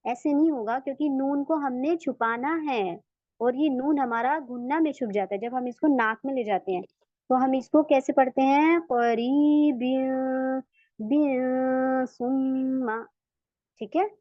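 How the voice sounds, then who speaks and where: A woman's voice: high voice, no echo. Patient woman teaching recitation rules. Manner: patient, repeats each step and stretches out sample words slowly. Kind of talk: online tajweed lesson for women. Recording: dull, lo-fi, dry sound.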